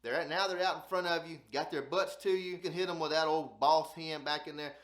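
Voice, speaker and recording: A man's voice: on the high side, fairly even intonation, a little fast, fairly bright tone, roomy sound. A man with a Southern Alabama accent gives a casual, folksy instructional talk, repeating phrases for emphasis as he hosts. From South Alabama, United States. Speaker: host of a duck hunting channel.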